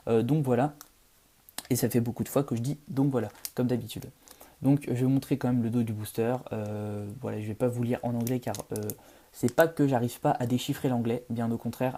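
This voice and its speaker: A young man chatting casually on camera as he opens a collectible card pack, halting and full of fillers. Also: mid-range voice, warm tone, slight background noise. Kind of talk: casual unboxing chat.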